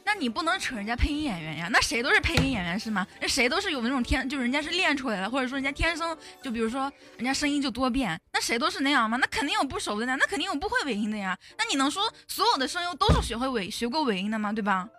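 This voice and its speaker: A woman's voice: sits high, very animated, racing, hardly any pauses, sharp tone, faint music behind. A woman in an online voice-chat debate, firing off exasperated rhetorical questions. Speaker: debater, opposing side.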